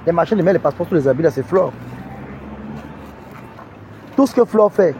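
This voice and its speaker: A man's voice: a little high, expressive, fairly quick, mellow. A man delivering a taunting, repetitive rant straight at his listener, outdoors near traffic. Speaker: online commentator. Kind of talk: casual mocking rant. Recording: noisy outdoor street ambience.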